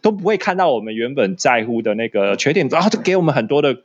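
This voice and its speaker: A man speaks casually with a Taiwanese Mandarin accent. His voice sits at a medium pitch, in the manner of relaxed conversation. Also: fast talker, dull audio, slight background noise. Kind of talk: casual chat.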